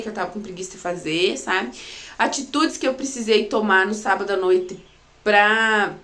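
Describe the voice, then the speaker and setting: A woman from Brazil telling her own birth story in a casual, chatty way, often turning to her listeners with "né" and "sabe". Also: mid-range voice. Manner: chatty, addresses listeners as "gente", frequent "né" and "sabe".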